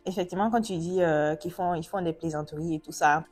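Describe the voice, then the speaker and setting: A woman's voice: on the low side, fairly even intonation, quick pace, a little mellow, slightly rough, faint music behind. A woman from Africa hosting a casual interview, chatty and asking long, rambling questions. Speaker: host.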